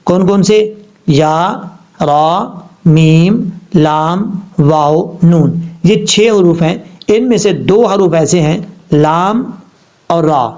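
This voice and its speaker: A man with a Pakistani Urdu accent teaching Quran recitation, explaining rules step by step and reciting example words slowly and drawn out. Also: fairly high pitch, darkish tone. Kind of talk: tajweed lesson. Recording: dull lo-fi sound.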